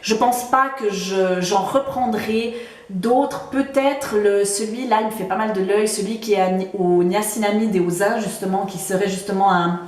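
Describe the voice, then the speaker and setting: A woman's voice: medium pitch, moderate pace, a little mellow. A woman with a Swiss French accent casually reviewing beauty products she has used up, with frequent fillers and restarts. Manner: hesitant, many fillers and restarts. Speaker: beauty vlogger. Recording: roomy echo.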